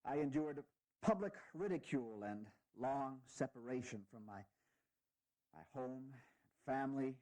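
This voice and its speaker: A man playing a dignified, fatherly aging general, giving stirring, deliberate and sometimes halting oratory in a historical audio drama. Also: mid-range voice, mellow, lightly acted. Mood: earnest, heartfelt. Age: older.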